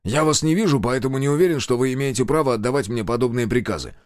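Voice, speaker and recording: A man's voice: mid-range voice, quick pace, no room sound, studio quality, lightly acted. A man doing a barking, suspicious police major. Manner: barking orders.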